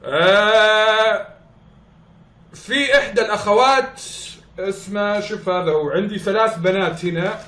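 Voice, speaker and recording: A man's voice: high voice, unhurried, sharp tone. A man making a prank phone call in a hesitant, stalling way. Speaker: prank caller. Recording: echoey room.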